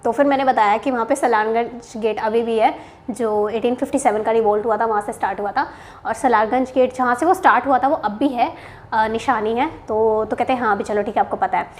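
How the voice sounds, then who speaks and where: Young woman from haryana, high voice, chatty storytelling vlog, mixes in english, frequent checking-in asides. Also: brisk. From Haryana, India. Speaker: bank officer sharing interview experience. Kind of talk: casual storytelling to camera.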